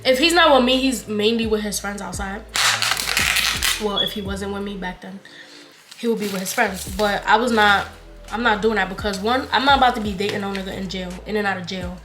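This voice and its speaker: A woman's voice: medium pitch, brisk, reverberant, over music. Chatty young woman telling a story. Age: 20s. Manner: animated, slangy, retelling with quoted dialogue. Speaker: vlogger. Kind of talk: casual storytime chat.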